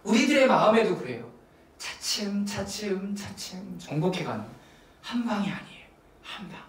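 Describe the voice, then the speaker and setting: A man's voice: high voice, normal speed, a little hiss or hum. A male pastor teaching at a Friday prayer meeting, telling a story with acted asides and coaching his congregation. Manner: animated teaching with acted asides and audience prompts. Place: church sanctuary. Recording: echoey church hall, mic at a distance.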